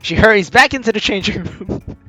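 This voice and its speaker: Brisk, pushed, and bright, this mid-range let's player jokes, teases, and narrates the game's story aloud while game music plays.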